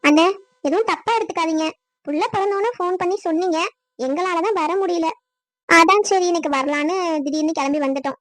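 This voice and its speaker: Emotional, pleading village women in a cartoon, voiced by a woman. The voice is very high, almost childlike, and every line leans on feeling. The sound is dry and close, with no room around it. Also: fairly quick, a bit bright, dry recording. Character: adult village women, sisters and wives. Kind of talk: cartoon dubbing.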